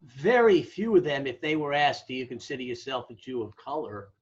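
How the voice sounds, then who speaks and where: Medium in pitch but with big swings and a fairly quick pace, an American man speaks as an academic demographer under interview. He explains emphatically and didactically, often checking in and throwing out rhetorical questions. Sound quality is dull and lo-fi.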